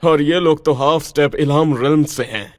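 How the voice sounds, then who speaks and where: A man dubbing a young martial arts hero who speaks in calm, menacing threats. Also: on the high side, a little fast, no room sound, clean studio sound, natural voice. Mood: reassuring. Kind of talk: Hindi drama dub. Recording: music underneath.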